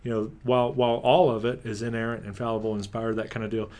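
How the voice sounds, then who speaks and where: A man's voice: fairly low pitch, level tone, fast, a little mellow. Casual male pastor with a joking streak. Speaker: pastor, podcast co-host. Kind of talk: casual conversation.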